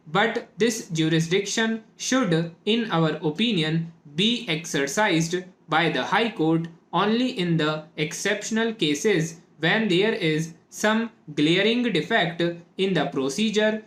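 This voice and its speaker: A man with an Indian accent, a native Hindi speaker, dictating a legal text in measured short phrases with spoken punctuation, as a shorthand instructor does. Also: high-pitched, fairly bright tone, roomy sound.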